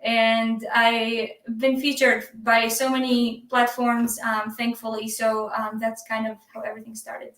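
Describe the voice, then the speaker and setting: Bright, distant woman on an echoey video call. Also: on the high side, flat delivery, measured pace, few pauses. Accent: Iraqi Arabic. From Iraq. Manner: easygoing, laughs often, many ums. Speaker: guest drummer. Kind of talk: live stream interview. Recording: echoey room, distant from the mic.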